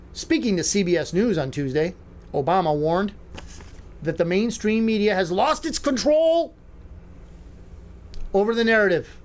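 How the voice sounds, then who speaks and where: Hosting talk radio, a man with a strikingly high voice offers sarcastic, mocking asides. His delivery rambles, with plenty of fillers and false starts.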